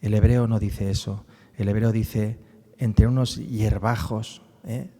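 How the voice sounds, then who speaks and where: A man's voice: on the low side, level tone, slow, dark tone, in a large hall. A man from giving a public talk about a book on the psalms, explaining as he goes and often tagging his sentences with little questions. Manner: explanatory, frequent tag questions. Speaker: speaker presenting a book on the psalms.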